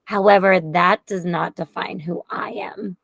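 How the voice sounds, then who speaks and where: A woman's voice: on the low side, fairly even intonation, a little slow, creaky, a crowd in the background. A woman hosting a podcast, talking openly and emphatically in a heartfelt conversation. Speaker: podcast host.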